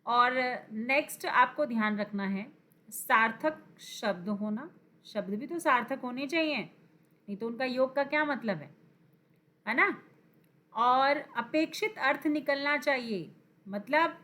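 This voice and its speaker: A woman teacher explaining grammar for exam prep at a deliberately slow pace. Her voice sits a little high and rings bright. She repeats the key words and keeps quizzing her viewers. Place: teaching at a screen.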